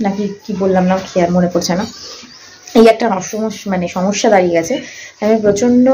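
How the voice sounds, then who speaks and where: A young woman chatting casually through a home vlog, talking softly so sleeping babies stay asleep. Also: medium pitch, slight background noise, poor audio. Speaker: vlogger. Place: home, indoors.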